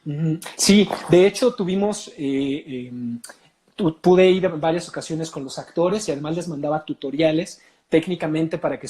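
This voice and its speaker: A man with a Mexican accent, a voice coach talking in an interview, explaining in an animated way with many filler sounds. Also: fairly high pitch. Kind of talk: casual interview talk.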